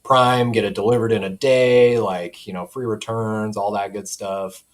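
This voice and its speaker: This man's lowish voice moves at a moderate pace with fairly even intonation as he explains audio products as a company representative. His manner is easygoing and conversational, peppered with "you know." A hum and clear background noise run behind him.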